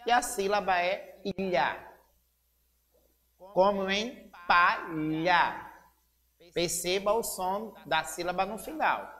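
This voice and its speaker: A woman teacher with a Brazilian accent giving a slow, deliberate literacy lesson, spelling out syllables. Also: fairly low pitch, animated, a bit bright, big-room sound. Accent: Brazilian Portuguese.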